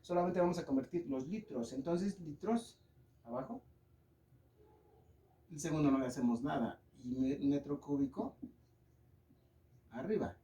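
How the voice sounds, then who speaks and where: Mexican guy teaching physics, mellow kinda high voice, keeps asking "ok?", echoey classroom sound. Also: measured pace, long pauses. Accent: Mexican Spanish. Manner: explains step by step, checks in with "¿ok?". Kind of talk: classroom lecture. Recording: echoey room.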